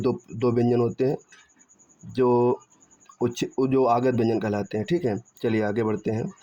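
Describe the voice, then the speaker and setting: A man with a mellow, dark-toned voice takes students through Hindi grammar, repeating each rule and asking and answering his own questions. He stretches syllables slowly when spelling sounds out. The recording is dull and muffled. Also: medium pitch. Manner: repetitive, asks and answers his own questions, checks with "theek hai". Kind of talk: online grammar lesson.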